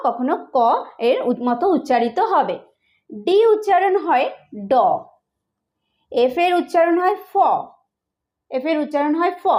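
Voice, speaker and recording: A woman with a Bengali accent who teaches English pronunciation in an online lesson. She explains slowly and repeats each sound. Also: high voice, a little mellow. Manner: slow, repetitive explaining.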